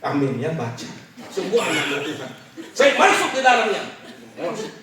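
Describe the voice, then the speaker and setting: A high-voiced man delivers an animated church sermon, full of everyday illustrations. He sounds a little distant from the mic, and the hall rings with heavy echo. The murmur of a congregation sits clearly behind him. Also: moderate pace, crowd noise. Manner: animated, rising to shouted calls to the congregation. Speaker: preacher.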